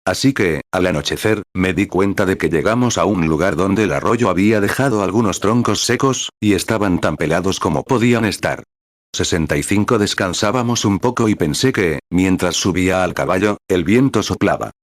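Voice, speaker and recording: A man with a lowish voice reads a sermon aloud in a steady, even preaching cadence. The sound is dry and close, with no room around it. He calls out the paragraph numbers as he goes. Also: moderate pace, few pauses, no echo. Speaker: reader of a translated sermon.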